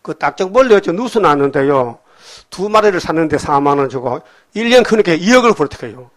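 A man delivers a sermon as a pastor, retelling the story with lively, animated energy. He keeps prodding his listeners with quick questions as he goes, and his voice sits somewhat high for a man.

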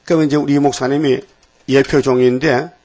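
A man's voice: medium pitch, flat delivery, brisk, darkish tone. A man preaching an informal sermon to a small group, folksy and chatty, often asking the listeners questions.

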